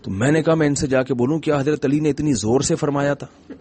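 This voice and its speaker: A middle-aged man, an Islamic scholar giving a conversational religious talk in a gentle, humorous storytelling manner with rhetorical questions. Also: fairly high pitch, slightly rough.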